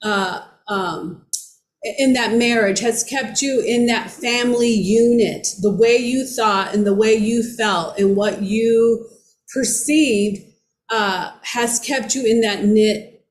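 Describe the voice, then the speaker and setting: Female co-coach, reflective and halting, slightly higher voice, roomy sound. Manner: reflective, halting, many fillers and restarts. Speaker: brain-training coach. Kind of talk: teaching an online class. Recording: roomy echo with faint background noise.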